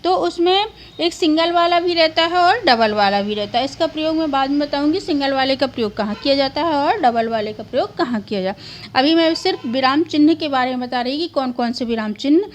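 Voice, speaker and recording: A woman with a high voice teaching a grammar lesson in a steady classroom manner. She repeats each point and answers the questions she puts to the class. A faint hiss sits under the voice. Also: a little fast. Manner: explains each point twice, asks and answers her own questions.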